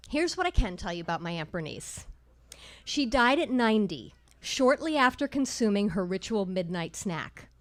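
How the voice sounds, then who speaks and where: A woman telling a personal story at a live storytelling show, wry and measured with dry comic timing. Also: medium pitch.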